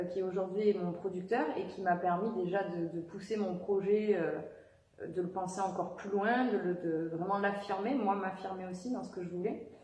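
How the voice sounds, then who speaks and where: A young female singer answers interview questions casually and hesitantly, using many fillers and restarts. Her voice is medium-pitched with a darkish tone, and the room is echoey.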